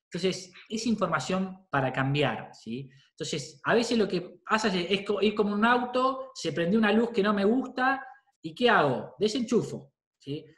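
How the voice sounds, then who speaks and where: Speaking at a moderate pace in an echoey room, this psychologist from Argentina has a high, expressive, fairly bright voice. He's middle-aged with a Rioplatense Spanish accent, chatting informally with parents and frequently tacking on a questioning "¿sí?".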